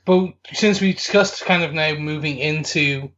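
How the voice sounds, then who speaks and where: A man's voice: fairly high pitch, measured pace, fairly bright tone, muffled recording. A man co-hosting a podcast, reviewing a film in casual chat with frequent hesitations and restarts. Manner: hesitant, lots of ums and restarts. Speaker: podcast co-host.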